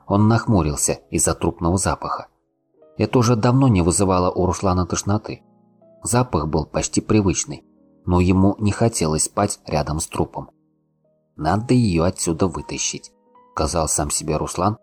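Man, audiobook narrator, calm unhurried reading, very deep voice, soft music behind. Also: slightly rough. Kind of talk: scripted narration.

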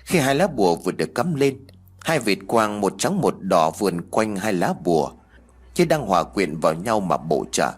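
Husky male horror story narrator. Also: deep voice, moderate pace. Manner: dramatic, expressive storytelling.

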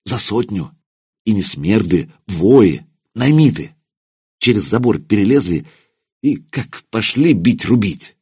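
A frightened young serf in an audiobook, hushed and halting, pleading with his master. A man voices him with a husky, breathy tone in a dry, close sound. Every sentence comes out low and unsteady. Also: sing-song, no echo, heavily acted. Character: frightened young male servant, trembling and tearful. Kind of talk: audiobook character voice.

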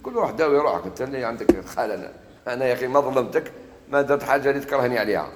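A man with an Algerian accent preaching a sermon, moving between solemn scripture recitation and lively everyday dialect. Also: mid-range voice, racing, reverberant, long reverb tail. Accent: Algerian Arabic. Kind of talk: sermon mixing classical Arabic and dialect.

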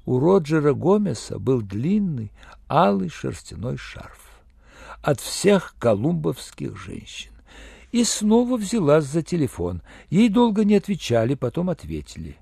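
A man narrating an audiobook with an expressive, gravelly reading close to the mic. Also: a little high, a little slow, no echo. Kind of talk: scripted narration.

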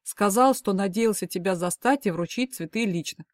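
A man's voice: high-pitched, normal speed, dry recording, clean studio sound, close to an everyday voice. A woman reading the part of a teasing, mocking middle-aged father who bickers with his wife. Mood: wry. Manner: mocking, wry.

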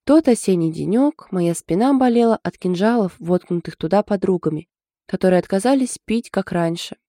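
A woman voicing a sharp-tongued, sarcastic young woman who talks loudly and dramatically in an audiobook. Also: medium pitch, lively intonation, moderate pace, dry recording, studio quality, lightly acted. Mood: mock-dramatic. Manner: loud, dramatic, grumbling.

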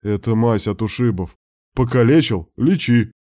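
A man's voice: mid-range voice, measured pace, darkish tone, lightly acted. A man reading an audiobook voices a whiny, wheedling young man who pleads and teases. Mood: whiny pleading.

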